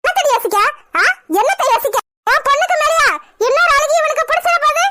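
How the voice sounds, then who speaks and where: A woman voicing a quick-tempered, possessive middle-aged mother in a cartoon, shouting and scolding. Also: very high-pitched, very noisy. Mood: angry scolding. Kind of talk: cartoon voice acting.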